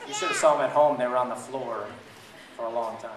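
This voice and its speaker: With a crowd audible in the background, a man talks fast in a medium-pitched, steady voice while reading to families. He blogs and reads children's books, and here he is theatrical and playful, asking listeners questions in a big echoey room at a school event. The distant mic captures plenty of room noise.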